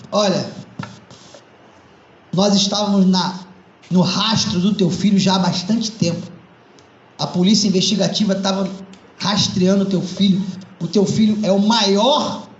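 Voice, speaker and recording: A man voicing a stern male police officer who speaks in a low, blunt way. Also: roomy sound, lo-fi sound, lightly acted.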